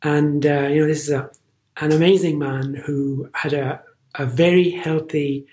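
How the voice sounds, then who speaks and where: A man's voice: a little high, steady tone, unhurried, darkish tone. A middle-aged man with an Irish accent, a physician guest on a podcast interview, speaking earnestly and stressing his points through repetition. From Ireland.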